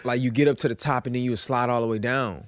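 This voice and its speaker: A man chatting casually as a guest, telling stories in an animated, slangy way with frequent conversational tags. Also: mid-range voice, quick pace, over a noisy crowd. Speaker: podcast guest.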